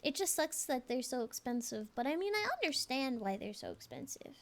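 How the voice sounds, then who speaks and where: A young woman hosts a casual livestream in an extremely high voice. Her delivery is cute and girlish in an anime-streamer way, bubbly and effusive. Her intonation swings in a lively, animated way as she chats with her viewers. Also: fairly quick, a little hiss or hum. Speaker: livestream host, VTuber artist.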